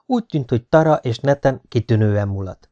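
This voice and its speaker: A man reading an audiobook novel in a steady, measured narration. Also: mid-range voice, muffled recording.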